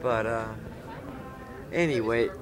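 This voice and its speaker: A man in his fifties from Colorado, reminiscing slowly with many pauses and fillers in an interview on an outdoor café patio at night, speaking into a handheld mic. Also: medium pitch. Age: 50s. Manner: slow, halting, full of pauses and fillers. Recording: outdoor patio with crowd behind.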